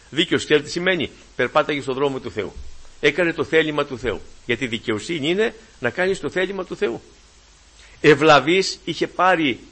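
A man preaching to his congregation, his voice sitting a little higher than most. He delivers with fervour, rising to loud exclamations and dropping to low, murmured asides. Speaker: pastor. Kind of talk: sermon.

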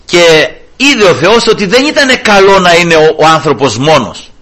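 A middle-aged man preaching a sermon, firing rhetorical questions and swinging between loud emphatic lines and hushed asides. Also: high voice, very animated.

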